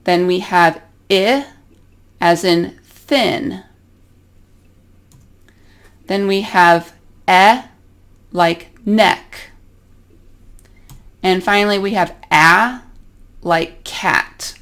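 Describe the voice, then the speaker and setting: A woman's voice: on the low side, very slow, pauses often, a bit bright. A woman with an American accent teaching an English pronunciation lesson, carefully demonstrating each vowel sound.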